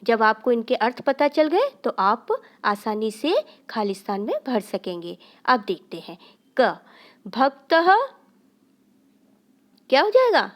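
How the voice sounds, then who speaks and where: Slow, clear Sanskrit teacher, woman. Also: on the high side, big pitch swings. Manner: explains step by step, asks and answers her own questions. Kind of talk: recorded Sanskrit grammar lesson.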